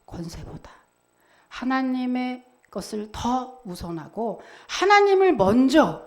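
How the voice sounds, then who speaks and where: High-voiced woman preaching with drama. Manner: dramatic preaching, acting out mocking quotes. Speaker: pastor. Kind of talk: sermon. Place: church.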